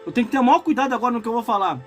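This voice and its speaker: A man in his forties with a Brazilian Portuguese accent, preaching a live-streamed sermon. He swells into impassioned shouts and breaks off for chatty asides to his viewers. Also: very high-pitched, animated, very fast, faint music behind. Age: 40s. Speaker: pastor.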